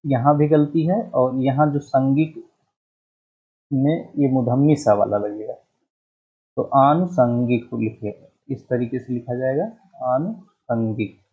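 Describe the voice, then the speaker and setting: Husky man teaching a grammar lesson. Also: medium pitch, steady tone, phone-quality sound. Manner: explains deliberately, repeating the correct word. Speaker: Hindi teacher. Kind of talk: exam-prep grammar lesson.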